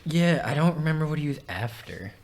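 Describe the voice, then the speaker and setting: A podcast co-host with a voice on the high side chats casually and briskly, laughing often as he tells animated stories.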